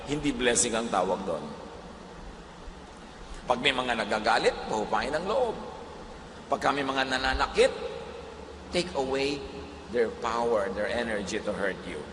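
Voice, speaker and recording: A man preaching a sermon as pastor, animated, slipping English phrases into his talk. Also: medium pitch. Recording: echoey hall with faint noise.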